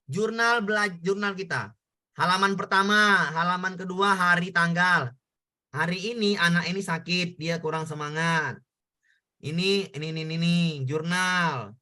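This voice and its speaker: Bright-voiced male tutor, coaxing. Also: high voice, moderate pace. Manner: repetitive, coaxing questions to students. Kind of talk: online exam-prep lesson.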